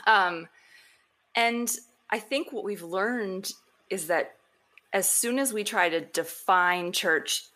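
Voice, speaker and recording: A woman pastor talking casually as a podcast guest, animated and quick to laugh. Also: medium pitch.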